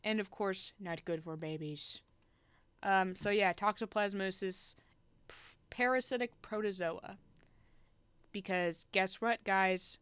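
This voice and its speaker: A woman's voice: mid-range voice, a bit bright, smooth, no room sound. A young woman presenting a casual study video, joking at herself as she stumbles over hard medical words.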